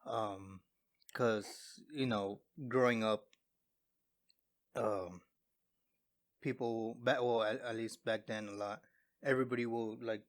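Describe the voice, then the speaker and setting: A man's voice: on the low side, steady tone, takes it slowly, pauses often. A man co-hosting a podcast, talking casually and hesitantly with many fillers and restarts. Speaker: podcast co-host. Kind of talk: casual chat.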